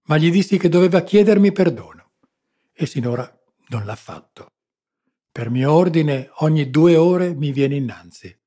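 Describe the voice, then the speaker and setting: Man voicing a nervous, strained ship captain from a storybook, raspy. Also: a little high, unhurried, dark tone, pitched above the performer's own voice. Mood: bitter. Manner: strained and bitter.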